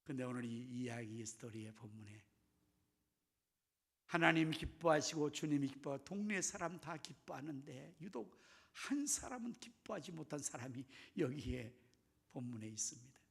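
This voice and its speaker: A man preaching a sermon as pastor, dramatic, swinging between loud bursts and whispers and asking the congregation questions. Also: mid-range voice, expressive, moderate pace, creaky, slightly rough, big-room sound.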